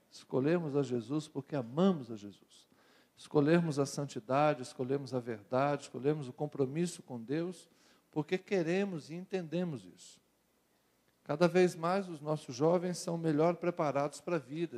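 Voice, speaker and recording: A middle-aged Brazilian pastor with a Brazilian Portuguese accent preaches to a youth audience. He talks in a loose, conversational way, mixing jokes with rhythmic repeated phrases, and his voice sits a little high for a man. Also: a little mellow. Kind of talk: sermon to young people.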